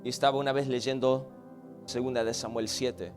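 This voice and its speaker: A pastor preaching a sermon, saying each line in both English and Spanish, sometimes stumbling and repeating words. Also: male voice, medium pitch, level tone, over music. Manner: preaching loudly in the opening, then quiet and halting as he tells a personal story; hesitant, repeats words as he searches for them.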